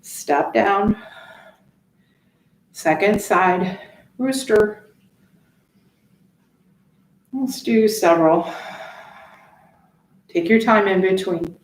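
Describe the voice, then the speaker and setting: A woman teaching tai chi, giving serene, unhurried step-by-step movement cues with pauses between them. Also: mid-range voice. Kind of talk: step-by-step movement instruction with short spoken cues. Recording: roomy echo, distant microphone.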